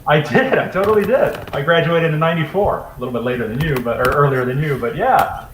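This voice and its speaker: Speaking fast in a fairly high, fairly bright voice, this forties-aged video creator from Raleigh, North Carolina, tells stories as a guest in a casual interview. He's easygoing and leans on frequent fillers, with poor audio in an echoey room and slight background noise.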